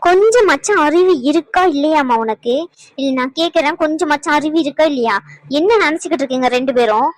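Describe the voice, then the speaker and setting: A woman voicing an exasperated grown daughter in a cartoon, scolding her mother with sharp rhetorical questions. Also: high voice, fast talker, close to an everyday voice, low-quality recording. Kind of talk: cartoon voice acting.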